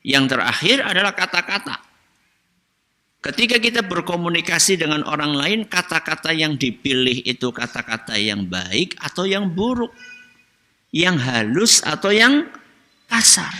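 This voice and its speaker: A man's voice: fairly high pitch, sing-song, unhurried, sharp tone. A man giving a religious study lecture as a preacher, asking his audience questions and answering them himself. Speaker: Islamic preacher. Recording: long hall reverb.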